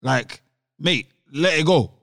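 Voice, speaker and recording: Speaking in Multicultural London English, the London urban roadman accent, a young man co-hosts a podcast, arguing his points casually with plenty of slang and emphasis. His slightly high, fairly bright voice is expressive with vocal fry, and he takes it slowly; the sound is clean studio quality with no room sound.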